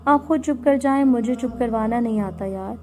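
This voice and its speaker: Woman voicing a gentle, flustered young groom. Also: fairly high pitch, normal speed, faint music behind, natural voice. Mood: coaxing. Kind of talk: story narration.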